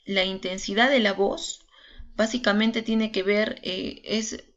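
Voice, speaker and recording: A woman's voice: mid-range voice, steady tone, slow, a bit bright. A woman teacher giving an online class, chatty and full of fillers and tag questions, a little nervous. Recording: dull lo-fi online class audio.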